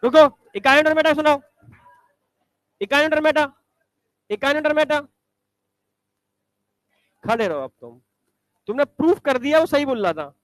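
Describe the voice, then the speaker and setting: A male teacher quizzing students in a classroom, briskly ordering them to stand up and recite examples. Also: very high voice, sing-song, fairly bright tone, no echo.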